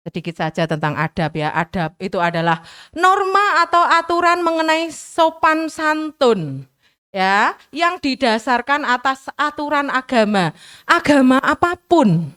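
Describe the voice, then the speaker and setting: A woman's voice: on the high side, a bit bright, clear, resonant tone, no room sound, studio quality. A middle-aged woman teacher with a Javanese accent, talking to students in a chatty way and acting out everyday examples. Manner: chatty, mixes in local dialect, acts out examples. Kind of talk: school orientation talk. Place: school hall.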